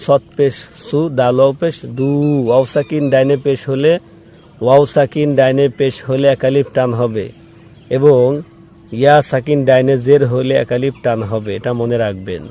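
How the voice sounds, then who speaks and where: With a warm tone and medium pitch, a man walks through Quran recitation gradually: he spells each letter and vowel mark, chants the word at a slow pace, and patiently restates the rules. His intonation stays fairly even.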